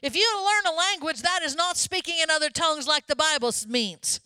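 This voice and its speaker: A woman pastor preaches with a high, bright voice, talking to her congregation in an easy, conversational way and often asking them questions. The sound is close and dry, with no room echo. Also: brisk. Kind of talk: sermon.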